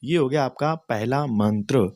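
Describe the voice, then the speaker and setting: A man teaching a hymn lesson, sounding out each syllable slowly and then chanting the lines whole, with quick spoken asides. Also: medium pitch, a little mellow. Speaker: teacher of Sanskrit hymn recitation. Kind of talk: slow syllable-by-syllable recitation lesson.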